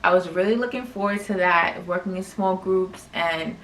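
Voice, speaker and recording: A young woman from New York, a teacher, telling a casual story to camera in a chatty, animated way with lots of "like". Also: lowish voice, normal speed, echoey room, distant mic, a little hiss or hum, rough recording. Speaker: vlogger and teacher.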